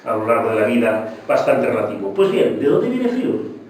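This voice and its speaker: An older man giving a lively, digressive professorial talk to a local audience. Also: medium pitch, normal speed, slight background noise. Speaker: lecturer. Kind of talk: public talk. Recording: echoey hall, mic from far off.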